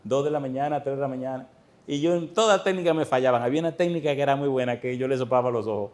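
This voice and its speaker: A man's voice: mid-range voice, quick pace. Man preaching a story-filled sermon. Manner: lively storytelling, addressing the congregation with questions. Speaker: pastor. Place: church.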